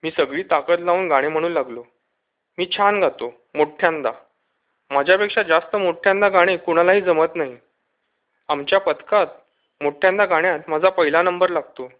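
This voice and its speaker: Man reading a kids story aloud, high voice, kinda muffled lo-fi sound. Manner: lively, puts on quick voices for each character. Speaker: audiobook reader. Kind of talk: storybook narration with character voices. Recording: dull lo-fi recording.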